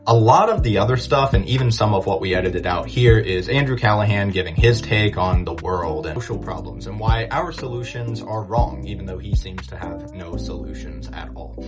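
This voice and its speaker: A very deep-voiced man giving a casual outro to his video in a relaxed, chatty way. Loud music plays under his voice throughout. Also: normal speed, few pauses. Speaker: channel host.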